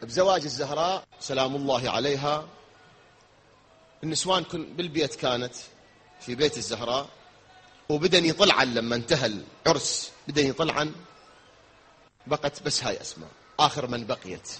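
A man giving a sermon, telling the story in plain talk and then chanting a drawn-out lament. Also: mid-range voice, a bit bright, breathy edge. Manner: shifts from conversational storytelling to melodic wailing chant. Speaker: Shia preacher reciting elegy.

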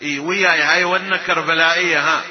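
A man's voice: fairly high pitch, fairly even intonation, fast. A man with an Iraqi accent giving a mourning sermon, moving between spoken address and sung, wailing laments and urging listeners to join him. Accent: Iraqi Arabic. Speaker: mourning preacher. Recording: dull lo-fi recording.

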